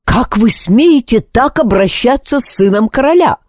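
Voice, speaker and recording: A woman reading the part of a calm, thoughtful male wizard king speaking to his son. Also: on the low side, normal speed, dry recording, clean studio sound. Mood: angry.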